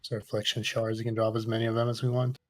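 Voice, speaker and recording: A man talking quickly and matter-of-factly about raid tactics in gaming voice chat. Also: mid-range voice, little pitch movement, a little hiss or hum. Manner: quick, matter-of-fact game talk. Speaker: raid member.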